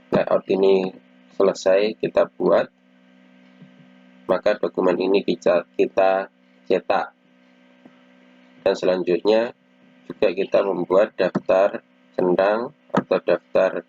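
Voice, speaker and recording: A man giving instructional narration in a measured, step-by-step explaining manner. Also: low voice, a little mellow, breathy edge, no echo. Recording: dull lo-fi close recording.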